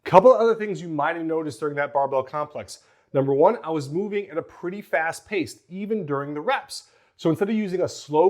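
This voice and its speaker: A man coaching as a fitness trainer, energetic and out of breath after a workout. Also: on the high side. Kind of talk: workout demonstration vlog.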